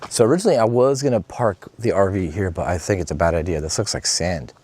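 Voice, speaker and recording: A man vlogging outdoors in an abandoned town, relaxed and chatty as he talks to his viewers. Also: deep voice, fast talker, breathy edge. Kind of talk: casual travel vlog.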